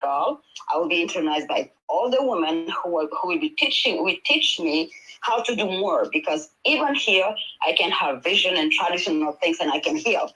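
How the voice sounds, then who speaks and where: On a panel held by video call, a Senegalese-accented woman, a Wolof-speaking midwife and healer from Senegal, rambles earnestly with fillers and restarts in conversational talk. Her voice is lowish, expressive, pushed and bright at a normal speed, and the audio quality is poor.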